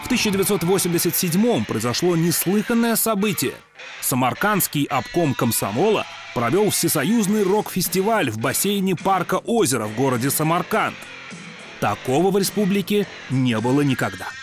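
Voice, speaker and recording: A man giving scripted documentary narration in an even, informative way. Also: on the high side, normal speed. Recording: narration over loud music.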